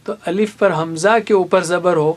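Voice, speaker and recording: Male recitation teacher, patient explaining, slow drawn-out letter sounds, lesson style. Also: high-pitched, fairly even intonation. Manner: slowly sounds out single letters and syllables as examples. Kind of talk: classroom lesson.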